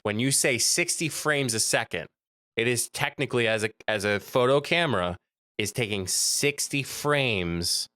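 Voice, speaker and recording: A man's voice: medium pitch, a little slow, pushed and bright, no room sound. A man co-hosting a comedy podcast, chatting casually and laughing often as he explains things with examples. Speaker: podcast co-host. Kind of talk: casual chat.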